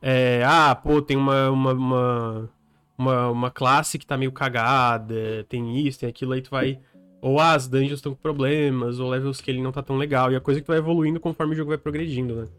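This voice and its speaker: A man's voice: medium pitch, fairly even intonation, fairly quick, smooth, no echo. A man co-hosting a casual gaming podcast, talking in a loose, rambling way with lots of fillers, his mic clipping and distorting. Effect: clipping, distorted mic from input set too loud. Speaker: podcast co-host.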